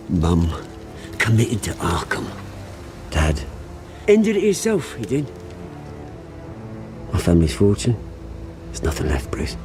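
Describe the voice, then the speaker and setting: An actor playing a cocky, volatile British rogue, a fallen heir turned revolutionary, taunting and theatrical in a video game. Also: male voice, sits low, big pitch swings, very slow, pauses often, music in the background, full character voice. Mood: bitter, wistful.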